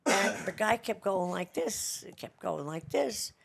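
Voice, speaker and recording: A woman's voice: medium pitch, animated, unhurried, gravelly, noisy background. An older woman, the host's grandmother, telling family stories in a casual, blunt chat. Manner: chatty storyteller, blunt.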